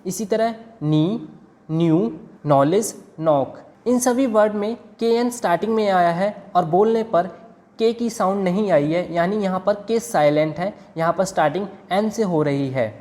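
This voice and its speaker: A woman teaches a language lesson at a patient pace, spelling out each word letter by letter. Her voice is mellow and warm, sitting at an ordinary middle pitch. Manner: slow, careful spelling out of letters. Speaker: English teacher. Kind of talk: lesson explaining silent letters.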